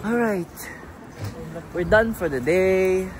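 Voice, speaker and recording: A man with a Filipino accent chatting casually in a travel vlog, mixing Tagalog and English in an unhurried way. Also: high-pitched, noisy background. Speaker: vlogger.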